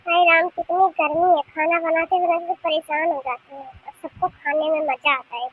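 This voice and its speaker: A woman voicing a sulking, jealous elder daughter-in-law in an animated cartoon, giving curt replies. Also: very high-pitched, moderate pace, phone-quality sound. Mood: weary.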